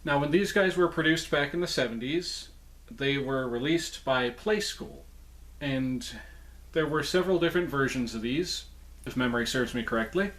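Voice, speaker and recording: A man's voice: mid-range voice, normal speed, a bit bright. Chatty man presenting his collection. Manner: chatty, informal, self-correcting. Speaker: presenter showing a puppet collection. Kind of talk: casual show-and-tell monologue.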